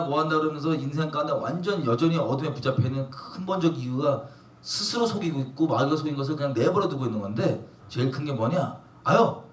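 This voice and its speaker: A man's voice: on the high side, fairly bright tone. A man preaching a sermon as a pastor, emphatic and questioning the congregation. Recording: echoey room from a distance.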